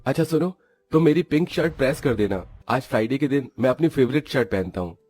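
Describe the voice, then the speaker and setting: A man's voice: mid-range voice, animated, brisk, darkish tone, faint music behind, natural voice. A man doing an impatient young husband. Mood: teasing. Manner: complaining, impatient.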